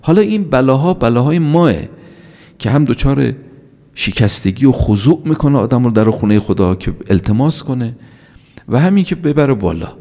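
A man's voice: medium pitch, expressive, dark tone. A man giving a religious sermon with emphatic delivery, his voice swinging up on key points and posing rhetorical questions. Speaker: preacher. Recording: long reverb of a large hall.

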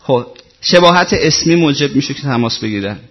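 A man's voice: medium pitch, expressive, breathy edge. A middle-aged male cleric giving a conversational religious talk, repeating himself and asking rhetorical questions. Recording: muffled lo-fi recording.

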